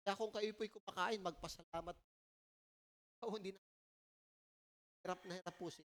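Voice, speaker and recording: A woman with a Filipino accent preaching a sermon at a church service in a conversational, animated way, often checking in with the listeners. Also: mid-range voice, moderate pace. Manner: conversational, animated storytelling, frequent "po" and "no?".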